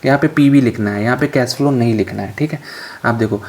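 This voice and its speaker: A man teaching finance as a tutor, walking through worked examples step by step in a chatty way. He repeats steps in quick drills and adds joking asides. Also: mid-range voice, a little mellow. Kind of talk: screen-recorded worked-example lesson.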